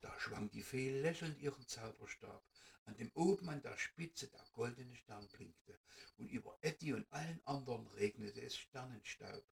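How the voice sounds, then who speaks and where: A man reading a children's story aloud in an expressive, animated way, recorded from a distance. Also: mid-range voice, normal speed, creaky.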